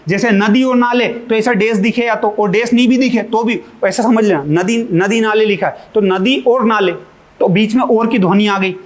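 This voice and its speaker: A high-voiced man gives an exam-prep grammar lesson. He poses quick questions to the class and answers them himself, slipping in jokes. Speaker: Hindi grammar teacher.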